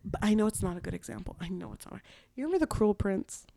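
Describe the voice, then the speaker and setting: A woman's voice: medium pitch, expressive, quick pace, gravelly, warm tone. Tipsy woman, rambling bluntly. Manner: blunt, frequently swearing. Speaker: book reviewer. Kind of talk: casual chat, book review.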